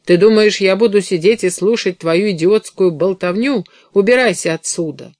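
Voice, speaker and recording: A man reading an audiobook, voicing a furious, sharp-tongued woman talent agent who snaps and scorns. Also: fairly high pitch, normal speed, no room sound, clean studio sound, close to an everyday voice. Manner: snapping, scornful.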